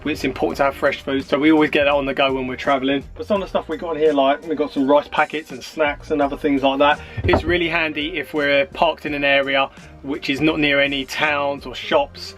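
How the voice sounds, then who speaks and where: Higher-pitched man vlogging casually. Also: flat delivery, a little fast, fairly bright tone, faint music behind. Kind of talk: casual chat to camera and partner.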